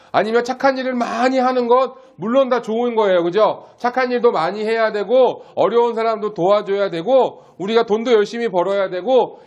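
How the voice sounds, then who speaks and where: High-voiced man preaching simply. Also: muffled recording. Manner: simple, slow-paced teaching with questions to the congregation. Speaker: pastor.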